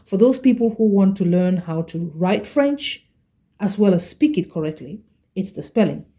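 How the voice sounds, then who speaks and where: A woman teaching a French lesson, explaining patiently and repeating each word slowly, often checking in with "okay?". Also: medium pitch, expressive, dark tone. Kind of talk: slow explanatory language lesson.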